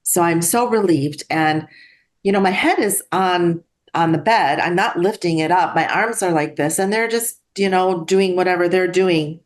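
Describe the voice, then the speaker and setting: A middle-aged woman, a guest, telling a personal story in an earnest, halting way with restarts. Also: lowish voice.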